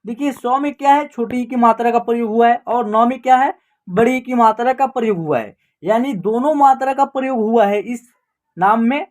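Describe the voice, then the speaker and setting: A woman with a fairly high voice teaching an online class. She goes through words slowly and patiently, asks a question and answers it herself, and repeats each word to drill it. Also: a little mellow.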